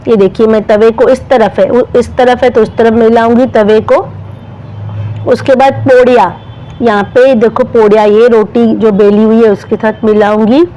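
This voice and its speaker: Female teacher, fairly high voice, slow deliberate syllable-by-syllable delivery for young students. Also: a little mellow, rough recording. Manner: spells out syllables slowly, addressing children directly. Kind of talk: slow step-by-step lesson for children.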